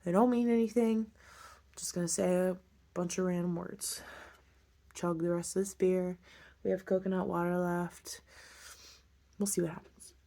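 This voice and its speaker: Casual woman with a slightly low voice. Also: steady tone, moderate pace, creaky, pauses often, warm tone. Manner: informal, self-deprecating. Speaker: host of her own video. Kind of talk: casual chat to viewers.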